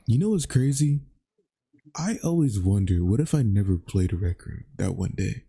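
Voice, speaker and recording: A twenty-year-old man hosting a podcast, excitable and slangy, often repeating himself. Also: on the low side, normal speed, vocal fry, husky, no room sound, clean studio sound. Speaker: podcast host. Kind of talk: casual podcast chat.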